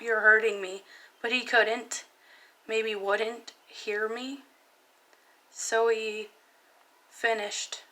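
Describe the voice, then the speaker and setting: A young woman reading her own poem aloud in a soft, halting spoken-word style. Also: mid-range voice, low-quality recording. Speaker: vlogger.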